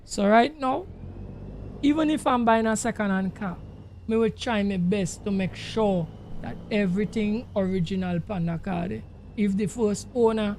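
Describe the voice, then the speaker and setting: Driving a truck sim on livestream, a Jamaican-accented man with a gravelly, slightly mellow voice chats casually with viewers, emphatic and repetitive. The recording is noisy, with the game's truck engine rumbling behind him.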